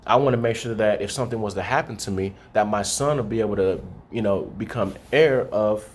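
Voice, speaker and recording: A man's voice: fairly low pitch, brisk. A young man from Haiti, a guest on a radio interview, talking earnestly and casually, always asking "you know what I'm saying". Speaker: guest, credit repair consultant.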